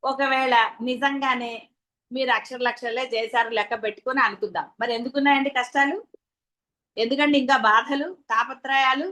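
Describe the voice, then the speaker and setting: A woman's voice: sits high, fairly even intonation, moderate pace, bright, forceful tone, poor audio. A woman with a Telugu accent giving a devotional discourse as a spiritual teacher, asking her listeners rhetorical questions.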